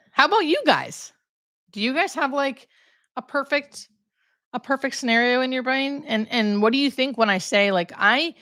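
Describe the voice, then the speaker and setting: A woman's voice: on the high side, a bit bright, no echo, clean studio sound. A woman talking candidly and conversationally as a hospice nurse hosting a casual livestream, thinking aloud as she answers questions.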